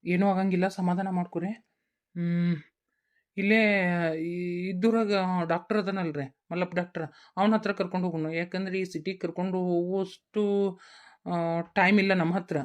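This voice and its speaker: A performer voicing a calm, reassuring village man in a cartoon, with a North Karnataka Kannada accent. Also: medium pitch, normal speed, pauses often, close to an everyday voice. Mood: soothing. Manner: soothing, reassuring.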